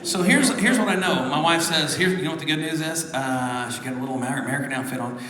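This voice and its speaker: A man telling a story between songs on a church stage, animated, then dropping to a hushed voice. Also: a little high, fast. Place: large church hall with an audience. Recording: echoey church hall, crowd reacting. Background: audience responses.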